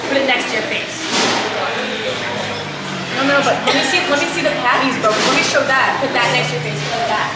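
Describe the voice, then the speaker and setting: A woman's voice: a little high, a little fast, long pauses, roomy sound, loud music behind the voice, low-quality recording. A young woman joking around with friends at a busy indoor bowling alley, teasing and trash-talking playfully. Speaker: friend on vlog. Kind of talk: casual chat. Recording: loud crowd and alley noise.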